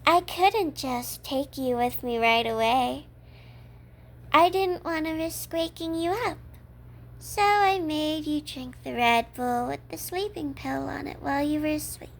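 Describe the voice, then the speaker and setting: A woman's voice: sits high, a little slow, creaky. A woman playing a cheerful, obsessive yandere kidnapper in an ASMR role-play, talking coyly and matter-of-factly to a captive listener. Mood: matter-of-fact, fond. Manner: matter-of-fact, coy, addresses the listener as captive.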